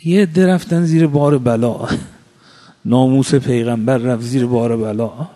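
A man's voice: medium pitch, mellow. Male preacher, fervent sermon delivery with rhetorical questions and chanted quotes, long hall reverb. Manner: impassioned, rhetorical questions, chanted Arabic quotations. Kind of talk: religious sermon.

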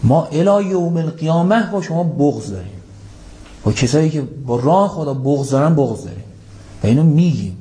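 Mellow-voiced man preaching on the Quran. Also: expressive. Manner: rhetorical questions and recited Arabic verses; emphatic, rising pitch on key points. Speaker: religious lecturer. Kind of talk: Quran commentary sermon.

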